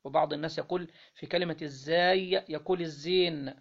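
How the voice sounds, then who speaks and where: An Egyptian-accented man with a high, gravelly voice teaches Islamic law. He reads each line of the legal text, then unpacks it, stopping to prompt his listeners for the missing word. The recording sounds dull and lo-fi. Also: fairly even intonation. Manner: reads the text then explains, quizzing listeners with "what?" pauses.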